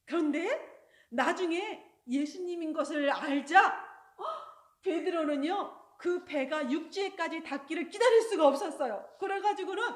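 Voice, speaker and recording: A woman telling a children's sermon story in an animated way, addressing the children directly. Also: extremely high pitch, moderate pace. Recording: roomy echo.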